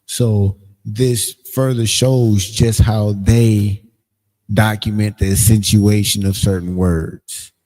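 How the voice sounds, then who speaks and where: Low-voiced guy teaching an online class, slow and laid back, lots of ums. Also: mellow. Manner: casual, halting explanations with frequent ums. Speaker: Hebrew language teacher. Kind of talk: livestreamed class lesson. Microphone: streaming setup, screen sharing.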